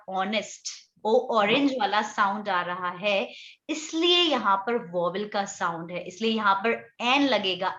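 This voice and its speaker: An Indian woman teaches English grammar to a class, going step by step and often checking that the students understand. Her voice is a little high and a bit bright, and the recording is echoey and dull, like a lo-fi classroom.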